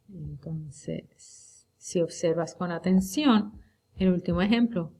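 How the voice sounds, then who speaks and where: Slow, deliberate woman teaching Spanish. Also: fairly low pitch, dark tone. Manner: slow and deliberate, drawing out example words. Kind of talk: recorded lecture review.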